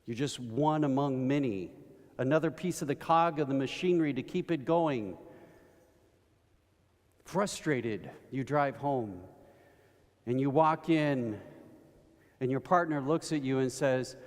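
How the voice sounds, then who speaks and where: A man preaching a sermon, telling everyday stories at an unhurried pace and building to emphatic bursts. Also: medium pitch. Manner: slow, storytelling delivery with rising emphatic bursts. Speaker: pastor. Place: church sanctuary. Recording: long reverb of a church hall.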